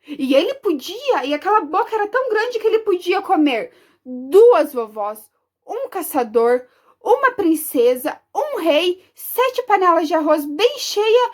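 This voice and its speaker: A preschool teacher from Brazil telling a story to young children in an expressive, sing-song way. She is a woman with a very high voice that rises and falls widely.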